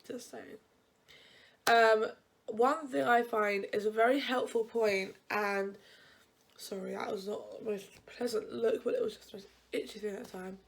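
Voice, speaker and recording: A young adult university vlogger with a blocked-up nose gives casual advice, her loose, chatty delivery wandering and restarting mid-sentence with frequent self-corrections. Her voice is a little high, steady, slightly slow and creaky.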